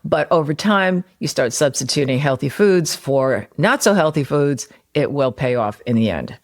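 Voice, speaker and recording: On her solo podcast, a copywriter who once worked as a personal trainer breaks down marketing ideas with everyday examples in a casual, conversational way. She speaks at normal speed in a low, animated voice.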